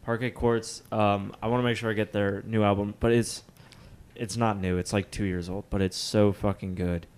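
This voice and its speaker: Low-voiced man raving about music casually. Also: level tone, moderate pace, clean tone. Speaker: podcast guest. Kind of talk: casual chat.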